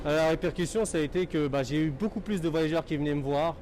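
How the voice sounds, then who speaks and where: A man in his thirties, a metro driver giving a casual interview in halting, colloquial phrases. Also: fairly high pitch. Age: 30s. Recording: loud urban transit noise behind.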